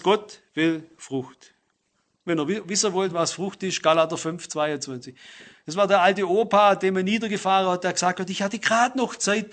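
Male preacher, earnest and emphatic, high voice. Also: fairly bright tone. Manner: earnest, emphatic, addresses listeners directly. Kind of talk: sermon.

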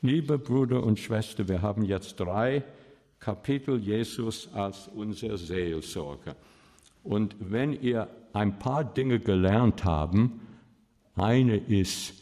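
A man with a fairly low voice preaches a sermon, pressing his points with emphatic rises. His words ring out with a long, echoing reverb, as if spoken in a large church. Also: dark tone. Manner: emphatic, rising sharply when stressing a point.

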